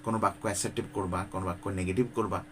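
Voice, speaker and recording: A man from Bangladesh teaching spoken English in a casual, direct way, often asking the listener rhetorical questions, pausing with fillers and dropping English phrases into his talk. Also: deep voice, fairly even intonation, a little hiss or hum. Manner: conversational, addresses viewer directly with frequent rhetorical questions; frequent hesitation fillers. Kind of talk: informal spoken-English lesson.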